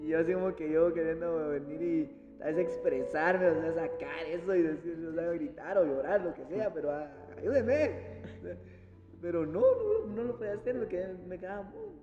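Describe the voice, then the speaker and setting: A man, a church pianist, tells a personal faith story in an earnest, reflective, halting way during a casual conversation. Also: a little high, a little mellow. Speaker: church pianist sharing a testimony. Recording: reverberant, dull recording with music behind.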